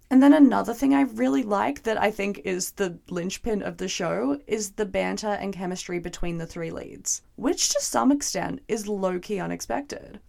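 A young woman whose mid-range, darkish voice is hoarse and gravelly recaps and reviews a TV episode, chatty, wry and playfully sarcastic.

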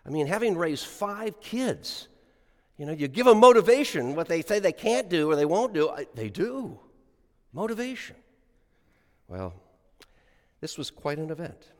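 A man's voice: a little high, unhurried, long pauses. Man preaching in a cathedral echo. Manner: lively sing-song delivery, rising on quotes. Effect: long cathedral echo. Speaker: priest. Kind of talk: gospel reading and homily. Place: large church. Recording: long church reverb.

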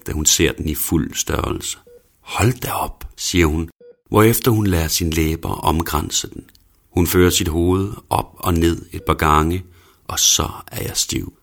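A man with a very low, deep voice reads a first-person story aloud. His telling is plain and low-key, without fuss. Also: creaky. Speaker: narrator.

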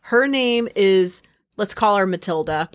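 A woman's voice: mid-range voice, animated, a little slow. A young woman hosting a podcast, chatting frankly, swearing casually and reading listener stories and ads aloud. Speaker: podcast host.

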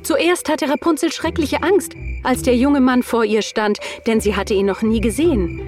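A woman narrating a fairy tale in a slow, gentle storybook reading, with background music. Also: sits high, fairly even intonation.

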